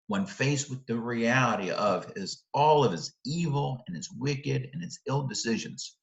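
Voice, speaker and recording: A middle-aged man with a medium-pitched, gravelly, fairly bright voice teaches literature in an emphatic explanatory lecture, posing rhetorical questions and check-in tags. He's close to a webcam indoors, the highs in the audio are cut off, and the room sounds roomy and echoing.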